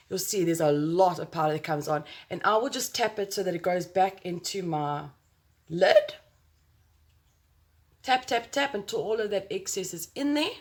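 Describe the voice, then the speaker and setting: Chatty South African woman, playful and rambling. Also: mid-range voice. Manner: chatty, rambling, playful with exclamations and sound words. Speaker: makeup tutorial host. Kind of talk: casual chatty makeup tutorial to camera. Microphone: phone camera, close up.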